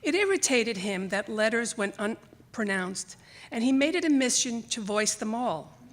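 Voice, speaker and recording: An older woman, born in Greece and brought to the United States as a child, reads her own memoir essay to a live audience on a library theater stage. Her first language was Greek or Italian, and her fairly high voice moves at a normal speed as she tells the story expressively, acting out remembered dialogue.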